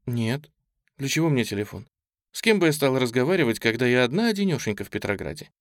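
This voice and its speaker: A man's voice: medium pitch, lively intonation, fast talker, no room sound, clean studio sound, lightly acted. A man reading a story, voicing a timid, lonely young woman who speaks hesitantly and plaintively. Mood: dismayed.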